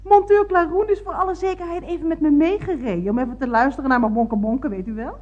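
A woman's voice: high-pitched, quick pace, lo-fi sound, close to an everyday voice. An actress playing a scatterbrained, chatty woman motorist rambling on the phone in a radio comedy. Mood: chattering. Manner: gushing, giggly, rambling.

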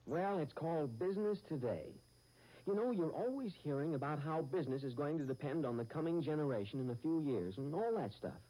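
An actor playing a chatty, self-assured youth in an old family radio comedy, talking in a folksy, informal way. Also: male voice, on the high side, lively intonation, a little fast, dark tone, poor audio. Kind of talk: old radio sitcom acting.

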